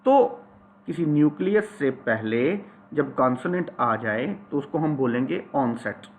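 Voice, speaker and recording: Slow-paced man teaching phonetics. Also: medium pitch, lively intonation, narrow, tinny audio. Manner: slow, reads English lines very slowly, then explains. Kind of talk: lecture reading English text and explaining.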